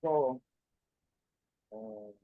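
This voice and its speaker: A man giving a live tech demo on a video call, his voice muffled as if through a wall, halting and restarting his words. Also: medium pitch. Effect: muffled, as if heard through a wall. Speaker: presenter.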